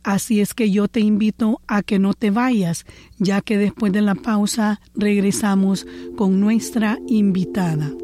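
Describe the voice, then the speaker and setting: A woman hosting a talk show, introducing the topic in a calm, scripted, measured way. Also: medium pitch. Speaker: host.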